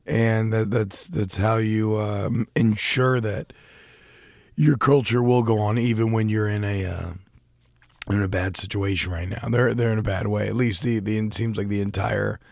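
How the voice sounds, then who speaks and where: Gravelly man rambling about a show. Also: lowish voice, steady tone, moderate pace, darkish tone, no room sound, clean studio sound. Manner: rambling, self-deprecating, many restarts. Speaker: podcast co-host. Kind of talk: casual chat about a TV show.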